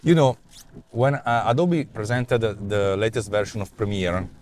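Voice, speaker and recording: An app developer and vlogger in his forties, Italian with a matching accent, riffs loosely on his app ideas from inside a parked car in daylight. He speaks on the low side at a moderate pace, lively and gesturing, repeating words and leaning on fillers. The clip-on lapel mic catches slight background noise.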